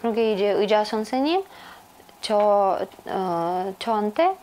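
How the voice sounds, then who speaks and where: A woman from Russia whose first language is Russian, speaking non-native Korean with a Russian accent. She answers interview questions as a homemaker, halting and searching for her words. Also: mid-range voice, animated, dark tone, a little hiss or hum.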